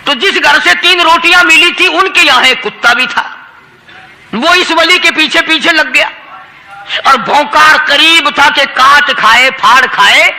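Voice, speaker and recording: A man's voice: very high voice, vocal fry, poor audio. A man with a Pakistani Urdu accent preaching an Islamic sermon, telling a story with impassioned, rising delivery. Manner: impassioned, rising to loud emotional peaks.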